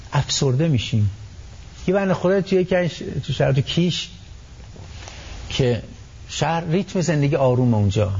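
A man guest on a radio talk show, explaining his ideas in an animated way, often acting out what people say. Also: fairly high pitch, husky, highs cut off. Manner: animated storytelling, acts out quotes. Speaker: psychology expert guest.

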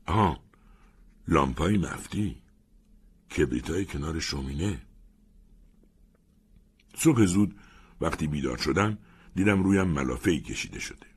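A man narrating a first-person story in an expressive, animated reading. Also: rumbling low, pauses often, breathy edge.

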